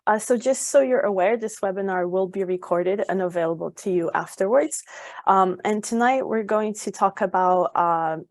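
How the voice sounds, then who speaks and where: A woman's voice: medium pitch, moderate pace, no echo. A young woman from Poland giving a webinar as an education advisor, informative and full of ums and uhs. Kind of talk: webinar presentation.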